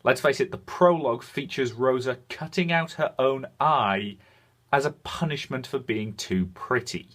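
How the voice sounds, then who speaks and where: A man's medium-pitched, slightly bright voice carries a frank, semi-scripted video game review that he hosts. He pauses deliberately to add emphasis.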